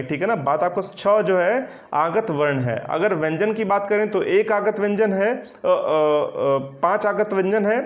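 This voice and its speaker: A male Hindi grammar teacher giving an online exam-prep lesson, explaining patiently and checking often that students follow. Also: high-pitched. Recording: slightly dull lo-fi sound.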